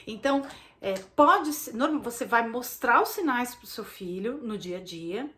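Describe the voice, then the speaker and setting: A woman's voice: a little high, lively intonation, normal speed, fairly bright tone. A woman with a Brazilian Portuguese accent gives a casual recorded online lesson as a course instructor. She explains things in a chatty way and often checks in with short tag questions. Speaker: baby sign language course instructor.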